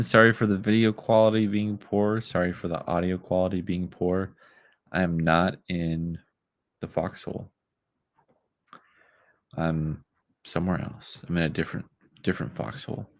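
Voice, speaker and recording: A man talking casually on a livestream about his crowdfunding campaign, rambling and halting with lots of ums and restarts, through poor-quality stream audio. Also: sits low, little pitch movement, no echo. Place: a makeshift spot away from his usual setup.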